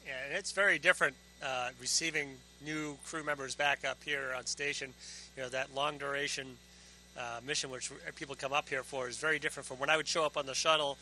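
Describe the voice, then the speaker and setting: A man's voice: mid-range voice, fairly even intonation, brisk, pushed and bright. A man speaking as a veteran astronaut, giving casual interview answers from aboard a space station. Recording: noisy space station link with hum.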